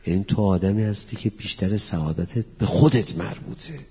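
A man's voice: lowish voice, animated, slightly rough. A man preaching to a gathered audience, mixing in quotations of scripture and poetry and leading them in prayer. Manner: quotes Arabic scripture and Persian verse, explains it plainly. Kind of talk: religious lecture. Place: hall with an audience. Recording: dull, echoey hall recording.

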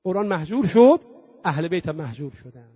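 A man's voice: high-pitched, expressive, dark tone. A man preaching at a mourning gathering, chanting scripture in a singing tone between rhetorical questions and long emphatic lists. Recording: dull dry lo-fi recording.

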